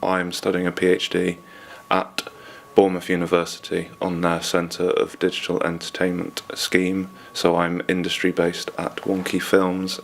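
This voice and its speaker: A young man in his twenties answers interview questions in a relaxed, casual way. His voice is low and fairly flat, with a faint ambience in the background. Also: normal speed, creaky, slight background noise. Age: 20s. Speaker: PhD student, interviewee.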